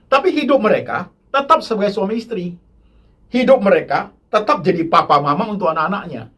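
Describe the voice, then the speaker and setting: A male pastor preaching a sermon, asking rhetorical questions and swinging between loud high bursts and low quiet asides, often addressing the congregation directly. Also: expressive, a little fast, slightly rough.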